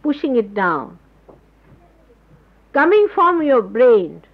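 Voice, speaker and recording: A woman giving a spiritual talk to followers, explaining patiently and pausing to search for words, on an old tape recording. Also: a little high, sing-song. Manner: explanatory, gropes for words with pauses. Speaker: spiritual teacher. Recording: dull lo-fi 1979 tape recording.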